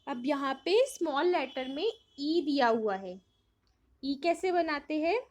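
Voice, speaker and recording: A woman's voice: high voice, expressive, takes it slowly. A woman teacher explaining a worksheet to young children, reading English lines and then explaining them in Hindi, asking questions and answering them herself.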